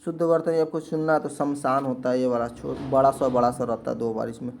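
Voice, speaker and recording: A man's voice: medium pitch, level tone, fairly quick, vocal fry, darkish tone. A man teaching a spelling lesson for exam prep, asking questions and answering them himself in a repetitive explaining way.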